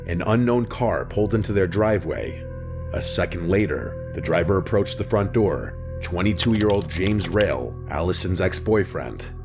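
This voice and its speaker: A man reading a scripted true-crime narration in an even, measured way, close to the mic. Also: low-pitched. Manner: even, measured storytelling delivery. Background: music bed.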